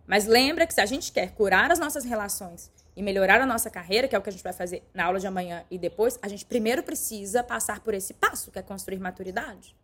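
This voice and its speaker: A woman's voice: mid-range voice, animated, quick pace, few pauses. A middle-aged woman teaching a live-streamed online lesson, speaking directly and affectionately to her viewers. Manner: warm direct coaching, addresses viewers affectionately.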